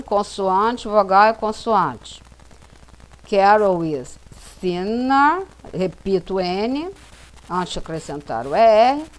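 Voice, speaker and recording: Woman, language teacher, unhurried step-by-step explanation, repeats examples, middle pitch. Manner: spells out letters and repeats example sentences slowly. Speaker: English teacher. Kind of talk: slow classroom explanation.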